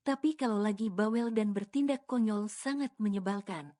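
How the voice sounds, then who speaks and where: A woman voicing a gentle, doting young male boss in a storybook reading, speaking softly and teasingly. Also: mid-range voice, moderate pace, natural voice.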